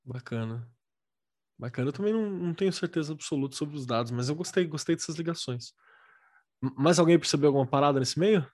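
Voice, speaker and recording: Fast-talking Brazilian man, dry sound. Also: fairly high pitch, no room sound. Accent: Brazilian Portuguese. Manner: animated, colloquial, jokey. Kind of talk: casual group discussion.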